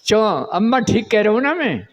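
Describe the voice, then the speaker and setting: An older man, a comic poet, reciting humorous verse to a live audience in a drawn-out, half-sung way, repeating lines and chatting with the crowd between them. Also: high-pitched, sing-song.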